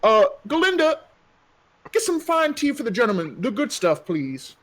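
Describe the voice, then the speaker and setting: A man voicing a pompous middle-aged town mayor who talks in a formal, smooth, hesitant way. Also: extremely high pitch, sing-song, normal speed, a bit bright, a little hiss or hum, voice pushed up, exaggerated voice. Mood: courteous.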